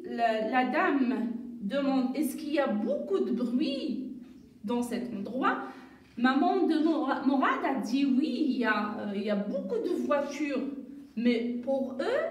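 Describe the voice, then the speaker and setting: A woman teaching a reading lesson to young children, speaking slowly and sounding out syllables one by one. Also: high voice, darkish tone. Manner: slow, deliberate, sounds out syllables. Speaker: primary school teacher. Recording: very echoey room, voice far from mic.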